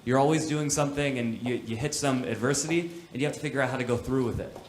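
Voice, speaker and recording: A man from the United States answers a question on a conference panel. He talks in a thoughtful, conversational way and quickens when he makes a point. The hall around him is roomy, with a faint background hum. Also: medium pitch. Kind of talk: panel discussion. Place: conference stage.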